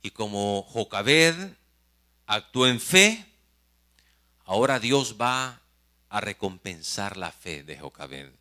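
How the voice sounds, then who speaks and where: A man preaches a sermon in a sharp, bright voice that ranges widely in pitch. He talks slowly, rising to loud exclamations and falling to near-whispers as he speaks directly to the congregation. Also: very animated. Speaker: pastor.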